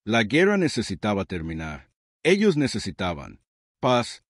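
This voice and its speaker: A man reads a science-fiction story aloud as narrator, in an expressive storytelling manner. His voice sits fairly low and moves through a wide, animated pitch range. The recording is dry and close, with no room echo. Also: a little slow.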